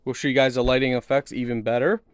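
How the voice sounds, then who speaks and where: A product reviewer unboxes and demos an item in a relaxed, approving, informal manner. His medium-pitched voice barely moves in pitch and is fast, clear, and resonant with no echo, though the recording has noticeable background noise and handling clicks.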